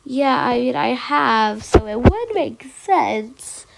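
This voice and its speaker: A girl doing a fussing, high-voiced worried mom. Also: animated, slow pace, creaky, very noisy, full character voice. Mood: fond. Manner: fussing, affectionate. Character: caring worried mother on a walkie-talkie.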